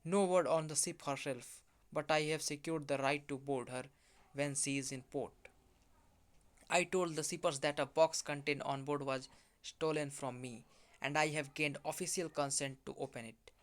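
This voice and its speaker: A man voicing a confident young nobleman who reports in a brisk, assured way. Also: a little high, fairly even intonation, natural voice.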